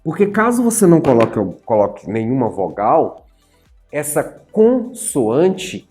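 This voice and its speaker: A male teacher giving an animated writing and grammar lesson at a whiteboard, playfully addressing his students and stretching out key words as he explains. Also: mid-range voice. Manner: animated, playfully addresses viewers as "senhores, senhoras e senhoritos". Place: in front of a whiteboard.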